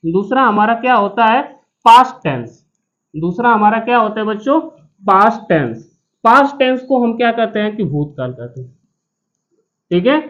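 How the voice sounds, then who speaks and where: A man's voice: sits high, lively intonation, moderate pace, pauses often, fairly bright tone, lo-fi sound. A man teaching grammar to a classroom with students present, drilling them by repeating questions and answers, with joking asides.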